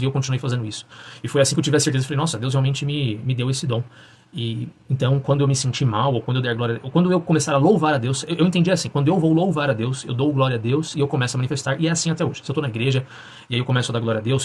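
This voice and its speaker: A young man recounts his faith testimony in a husky, slightly breathy voice. He talks quickly and earnestly, often stopping and restarting his sentences as he searches for words. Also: mid-range voice, a little mellow. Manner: earnest, halting, with frequent restarts and fillers. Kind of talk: personal testimony.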